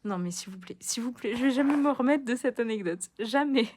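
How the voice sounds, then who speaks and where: A young woman from France chatting casually into her phone in a slangy, animated vlog, laughing often. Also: on the high side, fast talker. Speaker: vlogger.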